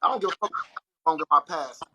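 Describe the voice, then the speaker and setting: A young man hosts a casual livestream and talks straight to his viewers. His voice is high, very bright and husky. He tells his story in an animated way. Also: quick pace, low-quality recording. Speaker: livestream host. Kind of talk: casual chat.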